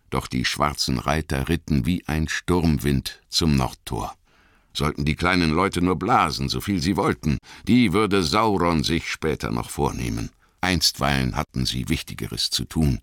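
Male narrator, extremely low voice, dramatic storytelling, dry booth sound. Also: a bit bright, no echo. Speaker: audiobook narrator.

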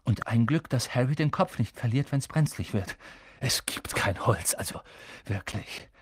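A man's voice: mid-range voice, expressive, measured pace, husky, no echo, studio quality. Ron, a man doing a sarcastic schoolboy wizard. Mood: dry, mocking. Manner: sarcastic, exasperated.

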